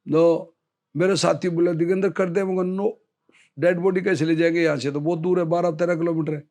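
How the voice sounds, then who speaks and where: A middle-aged Indian army veteran telling a war story as an interview guest, acting out the quoted dialogue. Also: male voice, high-pitched, darkish tone. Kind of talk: storytelling in casual conversation.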